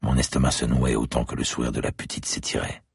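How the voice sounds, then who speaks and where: Brief: male audiobook narrator, measured and intimate, low and gravelly. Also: level tone, no room sound, studio quality. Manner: measured, intimate first-person telling.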